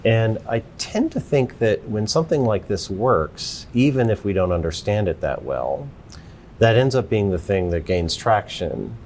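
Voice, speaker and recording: A man's voice: lowish voice, expressive, unhurried, a little mellow, slight background noise. A man in his forties, an interview guest, explaining his ideas thoughtfully in casual conversation with frequent restarts.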